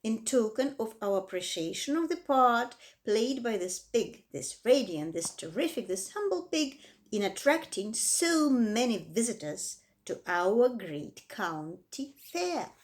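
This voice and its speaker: A woman reading the lines of a male fair announcer on a loudspeaker, formal and grand. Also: a little high, animated, a little slow.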